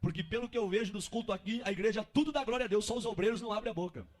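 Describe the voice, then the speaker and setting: A man voicing a devout wife who gives earnest, gentle advice. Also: high-pitched, rapid-fire. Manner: earnest counsel.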